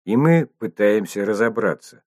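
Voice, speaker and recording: A man's voice: lowish voice, expressive, a little mellow, no echo, studio quality. A man reading an audiobook voicing a cautious, thoughtful male scientist who speaks hesitantly. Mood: uneasy. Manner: hesitant, measured.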